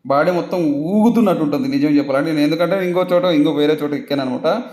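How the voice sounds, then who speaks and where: A man's voice: on the high side, fast talker, a little mellow. A man vlogger chatting casually in a voice-over, laughing often and repeating himself. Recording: roomy echo.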